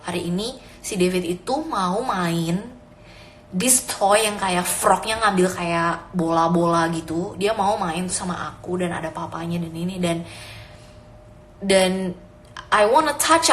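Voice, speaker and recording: An unhurried young woman with a lowish voice, herself a mother, advises listeners on parenting in a relaxed but sincere way. Indonesian and English blend freely in her speech; the room is echoey with faint ambience, plus slight hiss or hum.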